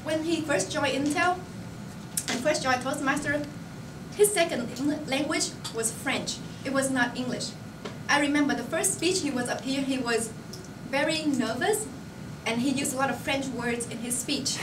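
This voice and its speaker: A woman's voice: high voice, normal speed. A young woman giving a motivational speech to her colleagues. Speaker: company employee addressing colleagues. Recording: roomy, noisy recording from far off.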